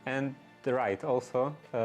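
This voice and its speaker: A man chatting casually and unscripted, halting and often searching for his words. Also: mid-range voice, fairly even intonation, music in the background. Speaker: streamer doing workshop restoration.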